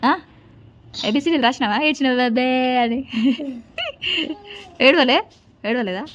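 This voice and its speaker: A mother and vlogger with a high, slightly slow voice records casually at home, scolding and bossing her kids as they do homework. The recording is noisy.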